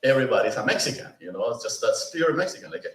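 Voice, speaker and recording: A man's voice: mid-range voice, expressive, fast. A man giving a conversational lecture as a presenter at a pastoral institute, often asking the room "no?" and "you know?". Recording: roomy, mic at a distance.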